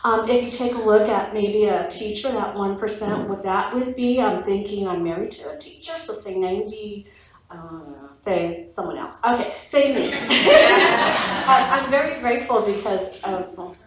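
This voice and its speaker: A woman's voice: medium pitch, darkish tone, slight background noise. Woman giving public comment, echoey hall. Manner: earnest, halting, with fillers and restarts. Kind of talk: public comment at a board meeting. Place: echoey public meeting room. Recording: echoey, dull meeting-room audio.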